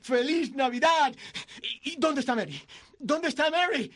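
A man's voice: very high voice, normal speed. An actor voicing a desperate young husband and father in a dubbed film drama, pleading and breathless. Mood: elated. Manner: pleading, breathless and excited delivery.

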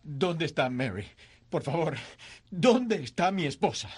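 A man's voice: a little high, a little slow, husky, exaggerated voice. An actor voicing a desperate young husband and father in a dubbed film drama, pleading and breathless. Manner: pleading, breathless and excited delivery.

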